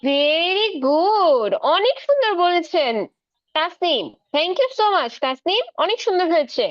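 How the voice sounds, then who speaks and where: A woman teaching a spoken English class to children over a video call, patient and coaxing, mixing Bengali with slow, careful English. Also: very high-pitched, sing-song, no echo, muffled recording.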